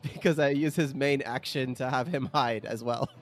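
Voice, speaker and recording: A man playing a tabletop game, excitable and quick to exclaim and laugh. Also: medium pitch. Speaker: player.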